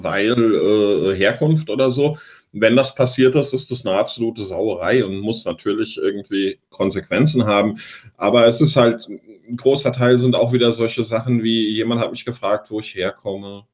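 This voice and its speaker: A man's voice: fairly low pitch, normal speed. A man from Vietnam in a casual podcast chat, rambling and filling with small words. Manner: rambling, repeats "halt" and "so". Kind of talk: casual panel discussion.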